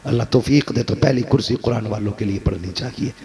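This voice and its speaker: A man preaching a sermon, rising to loud emphatic peaks and then dropping low. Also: brisk. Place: gathering with a live crowd. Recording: crowd responding audibly.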